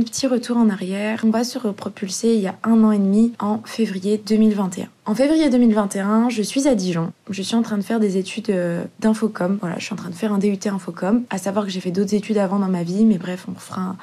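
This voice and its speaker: Husky young woman, casual dictaphone recording. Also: medium pitch, brisk, few pauses, dark tone. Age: 20s. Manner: informal, rambling, slangy with English words mixed in. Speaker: podcast host. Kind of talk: casual solo podcast monologue, chatty storytelling. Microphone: phone dictaphone resting on laundry basket on a bed. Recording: amateur phone dictaphone recording.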